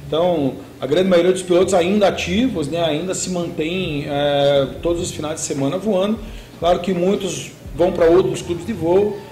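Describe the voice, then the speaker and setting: A man's voice: sits high, normal speed, roomy sound, slight background noise. A middle-aged man from Brazil, the owner of a paragliding school, explaining steadily in an interview and tagging his sentences with "né". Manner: steady explaining with frequent "né" tag questions. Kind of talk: interview answers. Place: indoor shop room with shelves.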